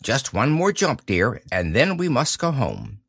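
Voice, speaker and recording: A man's voice: medium pitch, wildly swooping pitch, measured pace, creaky, fairly bright tone, slightly rough, dry recording, clean studio sound, full character voice. A man voicing a busy, motherly female kangaroo who only half listens.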